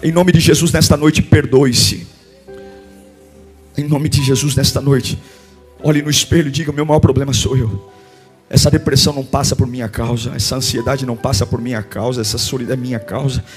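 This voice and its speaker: A pastor with a Brazilian Portuguese accent preaches a sermon at a brisk, steady pace, sometimes shouting and chanting and sometimes sinking into a low, quiet appeal. Faint music plays behind him.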